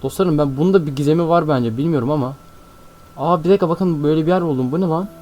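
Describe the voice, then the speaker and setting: A young man host commentating a game, excitable and jumpy, constantly talking to his viewers. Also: fairly high pitch, quick pace. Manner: excitable, jumpy, keeps addressing viewers as friends. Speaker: gaming channel host. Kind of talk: Minecraft let's-play commentary. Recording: faint background music.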